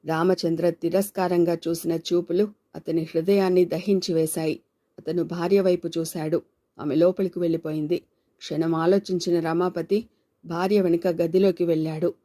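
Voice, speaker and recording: A woman narrating a novel as an audiobook in a steady, measured reading. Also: on the low side. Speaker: storyteller.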